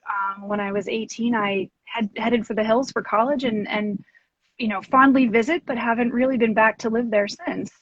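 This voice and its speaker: A woman's voice: on the high side, steady tone, moderate pace, no echo. A woman from Pennsylvania in her thirties, an education consultant chatting as a guest in an interview, with lots of ums and a self-deprecating way of talking. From Pennsylvania, USA. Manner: frequent ums, self-deprecating, laughs easily. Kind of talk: casual interview chat. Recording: dull dry lo-fi audio from a live stream.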